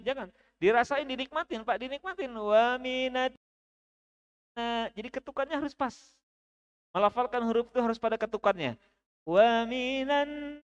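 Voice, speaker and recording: A man teaching Quran recitation at a mosque study session, chatty and joking, drilling the audience with slow, drawn-out recitations. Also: very high voice, clear, resonant tone, lo-fi sound.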